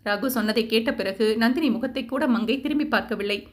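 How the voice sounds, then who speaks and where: A woman's voice: a little high, fairly quick. Woman narrating a Tamil audio novel. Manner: steady storytelling. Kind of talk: scripted narration.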